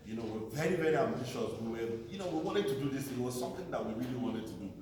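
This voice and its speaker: Man in his forties in echoey hall. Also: medium pitch. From Nigeria. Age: 40s. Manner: reflective, frequent "you know" and restarts. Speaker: guest speaker, film producer. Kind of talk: storytelling talk to an audience. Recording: echoey hall from far off, noisy.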